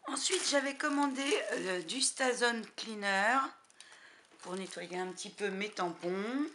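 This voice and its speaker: A woman chatting casually through a craft haul, hesitant, with many fillers. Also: medium pitch. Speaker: crafting vlogger. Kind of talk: casual haul video chat. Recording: noisy background hiss.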